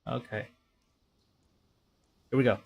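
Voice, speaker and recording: A VTuber from the Philippines plays a game live, offering commentary and reading the visual novel's text out loud. His delivery is halting as he thinks aloud, and he stumbles over the lines he reads. Game music plays behind him.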